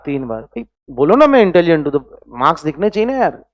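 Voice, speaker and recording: A man's voice: fairly high pitch, big pitch swings, fast, dry recording. A man teaching chemistry in an online class, constantly quizzing students with rhetorical questions and mixing in English phrases, with scolding, motivational asides. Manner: mixes Hindi with English phrases.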